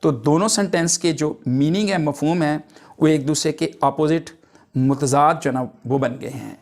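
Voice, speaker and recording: A man teaching English grammar, explaining each term with several synonyms. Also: a little high.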